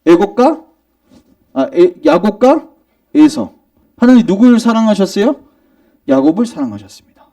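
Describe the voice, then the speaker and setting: A man preaching in a church sanctuary, his pitch set high and swinging widely as he puts questions to the congregation and answers them himself. His tone is dark and mellow, and he presses hard on each point. The voice is picked up from some distance away. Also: very animated, normal speed, pauses often. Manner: emphatic, rising in argument. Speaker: pastor. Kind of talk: sermon.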